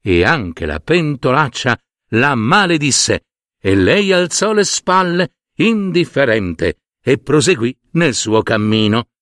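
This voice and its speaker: A man narrates a fairy tale in a theatrical, expressive way. He takes his time, and his voice rises and falls with lively pitch. The recording is close-miked and dry. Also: takes it slowly, no echo. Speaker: storyteller.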